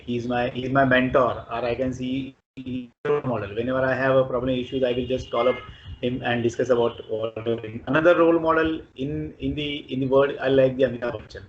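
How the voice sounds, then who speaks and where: A man in his late forties from Konkan with a Marathi Indian accent, answering casual interview questions haltingly and often repeating words. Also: mid-range voice, slight background noise. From Konkan, Maharashtra, India. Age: late 40s. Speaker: interviewee, IT professional. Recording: dull, echoey room recording.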